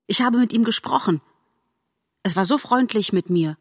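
A woman's voice: mid-range voice, expressive, normal speed, slightly rough, dry recording, clean studio sound, pitched above the performer's own voice. Woman doing a shy, eager young fawn. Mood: excited. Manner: eager, modest and bright. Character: young male fawn, shy, polite and wide-eyed.

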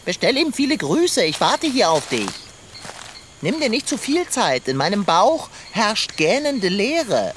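A woman's voice: mid-range voice, big pitch swings, unhurried, a little hiss or hum. A woman voicing a fat, pompous, always hungry male tomcat in a children's radio play, talking in a dry, lofty, sarcastic way.

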